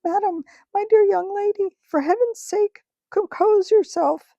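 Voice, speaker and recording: A cowardly old gentleman magician wails and protests in a thin, quavering, very high voice. His fussy complaints come out loud and strained with a gravelly edge. The sound is close and dry. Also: measured pace, no room sound, exaggerated voice. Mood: pleading.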